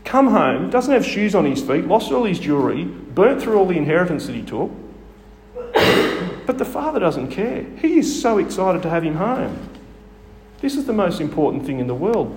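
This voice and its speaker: A man preaching a sermon in a storytelling manner, with frequent rhetorical questions. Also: high voice. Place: church hall. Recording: echoey hall with long reverb.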